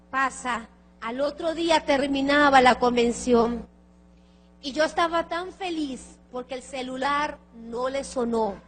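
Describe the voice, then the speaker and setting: A woman's voice: high voice, fairly bright tone, a little hiss or hum. A woman preacher telling a testimony as a sermon, fervent and emotional. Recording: long reverb of a large hall.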